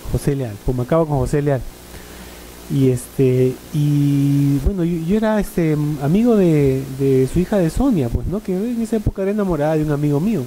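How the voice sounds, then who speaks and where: Man, middle-aged, very dark mellow voice, slightly high pitch, rambling anecdotes, filler-heavy panel talk. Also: a little hiss or hum, rough recording. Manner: rambling storyteller, frequent "¿no?" and "este" fillers. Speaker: panel speaker.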